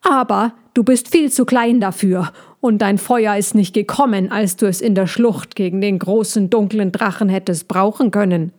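A small, fussy hedgehog from a storybook, his voice pitched well above a normal speaking voice and pushed out loudly as he frets and scolds, with a woman putting on the voice as she reads. He sounds agitated and worried. The delivery is slow and carefully spaced, as in a story read aloud. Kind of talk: storybook reading.

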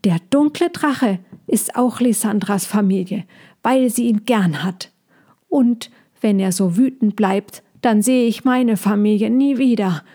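A woman voicing a small, brave squirrel in a children's story, with a high, insistent manner. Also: a little slow, warm tone, natural voice. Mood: pleading.

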